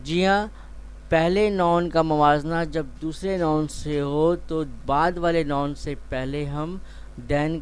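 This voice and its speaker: A male teacher giving a grammar lecture. He speaks slowly and deliberately and stretches out each example word. His voice is smooth and clear and sits a little high. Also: darkish tone. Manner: slow, deliberate explanation, drawing out example words.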